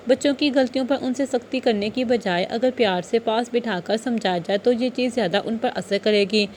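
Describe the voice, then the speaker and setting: A woman narrating a novel aloud in a steady storytelling manner. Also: fairly high pitch, a little hiss or hum. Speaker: novel reader. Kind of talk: scripted narration.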